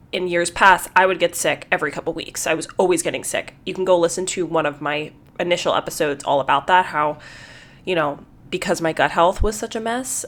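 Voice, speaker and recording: A woman hosting her own podcast in casual solo talk, a little congested, chatty and repeating words as she thinks. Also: fairly low pitch. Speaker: podcast host.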